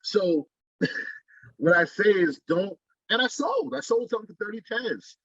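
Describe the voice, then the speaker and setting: A man giving an interview in a blunt, profane, animated way. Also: high-pitched, a little slow, gravelly, husky, dry recording, highs cut off. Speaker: digital artist interviewee. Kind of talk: casual interview talk.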